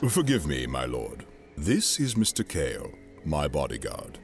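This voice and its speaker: A man playing a brooding, haughty imperial governor in a sci-fi audio drama, speaking in a formal, measured, theatrical way. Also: rumbling low, huge pitch swings, soft background music, exaggerated voice. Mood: deferential, uneasy.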